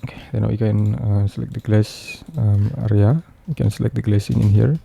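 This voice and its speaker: A man with a lowish, very soft-edged and dark voice walks through a software tutorial one step at a time. His delivery is halting and repetitive, with frequent hesitations and a gravelly creak. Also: steady tone, slight background noise. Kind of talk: unscripted step-by-step screen tutorial narration.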